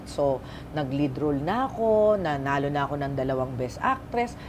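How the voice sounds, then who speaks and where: A woman's voice: sits low, normal speed, background noise. A woman in her fifties from the Philippines, a guest actress telling stories politely and with energy in a casual interview. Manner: polite, lively storytelling with frequent respectful particles.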